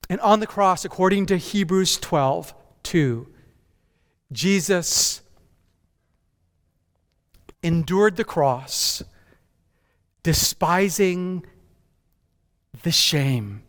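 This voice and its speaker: A man born in Japan and raised in North America, preaching a measured, emphatic conference sermon as senior pastor that builds through repeated phrases. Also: sits high, expressive, fairly bright tone. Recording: long hall reverb.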